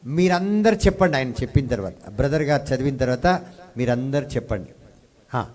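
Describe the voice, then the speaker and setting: A man's voice: mid-range voice, lively intonation, brisk, darkish tone. A man preaching a sermon with call-and-response to his congregation, often climbing into stretched, emphatic phrases on a handheld mic. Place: healing service hall. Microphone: handheld microphone.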